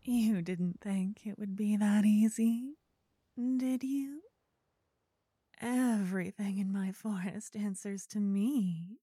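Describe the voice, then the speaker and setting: A woman's voice: mid-range voice, takes it slowly, dark tone, slightly rough, no room sound, clean studio sound. A woman voicing a teasing, possessive ghostly forest spirit in a whispered ASMR roleplay.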